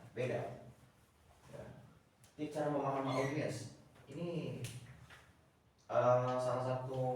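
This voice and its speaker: Rambling teacher in an echoey classroom. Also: male voice, medium pitch, far from the mic, a little hiss or hum. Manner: rambling, with many fillers and repeated words. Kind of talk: classroom lecture.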